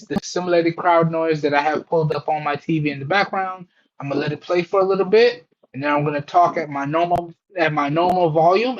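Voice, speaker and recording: A man's voice: fairly high pitch, dull audio. A man heard through a Bluetooth earbud mic, chatting casually at home as he tests a pair of wireless earbuds and keeps addressing his viewers. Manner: chatty and repetitive, keeps addressing "guys and gals". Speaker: tech reviewer testing earbuds. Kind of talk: casual product test vlog. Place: room at home with a TV. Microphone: wireless earbuds over Bluetooth.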